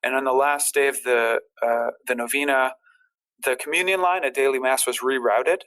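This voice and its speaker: A man telling personal stories as a podcast guest in a casual, rambling way, halting and repeating words. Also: medium pitch, fairly bright tone, rough recording.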